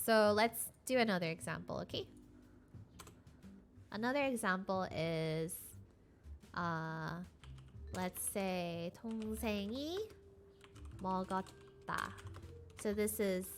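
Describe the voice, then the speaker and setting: A woman talks through a beginner lesson at her streaming desk in a loose, chatty way, stopping to restart her sentences. Her pitch sits in an ordinary middle range. Soft music and keyboard typing run faintly behind her. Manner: chatty, explains with many fillers and restarts. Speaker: streamer teaching Korean. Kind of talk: casual live-streamed language lesson.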